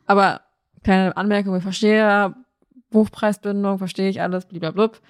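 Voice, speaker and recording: Co-hosting a podcast, a woman tells anecdotes in a casual, rambling, colloquial style, quoting bits of dialogue as she goes. Her voice is medium-pitched and clean, with fairly even intonation at a normal speed.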